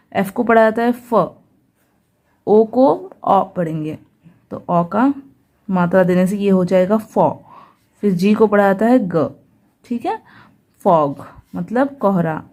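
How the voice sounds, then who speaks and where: A woman's voice: mid-range voice, warm tone. A woman teaching English reading, spelling each word letter by letter and patiently repeating the sounds. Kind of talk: phonics lesson, spelling out words.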